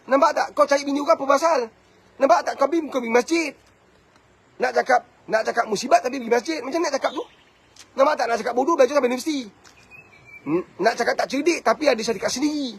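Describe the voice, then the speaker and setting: A man's voice: very high voice, quick pace, slightly rough. A Malaysian Malay man in his fifties, a family coach giving a blunt, preachy talk to camera and scolding his listeners with repeated rhetorical questions. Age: 50s. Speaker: motivational speaker and family coach.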